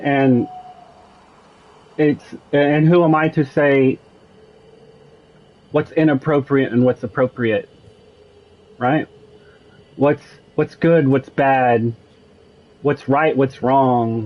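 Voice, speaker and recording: A gaming streamer muses and digresses in casual, rambling commentary over gameplay, restarting his sentences frequently. His voice is mid-range, and the sound has phone-quality audio.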